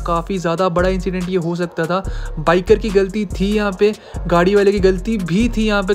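A young man from Himachal Pradesh, chatting casually as a motovlogger on a windy open road, mixing English into Hindi and calling out to his viewers. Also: high-pitched. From Himachal Pradesh, India. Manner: chatty, mixes English into Hindi, says "guys" a lot. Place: outdoors on a windy hillside road. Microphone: action camera mic.

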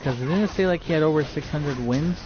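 A man with a slightly high voice talks fairly quickly while live streaming a game, chatting casually and stuttering a lot, full of fillers and restarts. The stream audio is dull and lo-fi.

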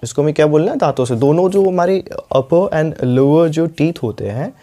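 Man teaching pronunciation, dark warm voice. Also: a little high, lively intonation. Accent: Indian. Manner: repeats words slowly, checks in with "clear?" and "alright". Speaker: English teacher. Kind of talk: spoken English lesson in Hindi.

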